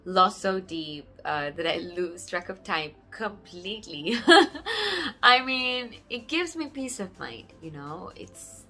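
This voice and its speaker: A young woman from Sri Lanka, a singer-songwriter, speaking casually to camera in a warm, grateful way. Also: fairly low pitch. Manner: warm, grateful, often laughing softly.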